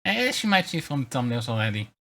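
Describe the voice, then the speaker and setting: A man livestreaming in a casual chat, talking in a halting, rambling way with wry, self-deprecating grumbles. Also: mid-range voice, very animated, bright, forceful tone. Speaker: VTuber streamer.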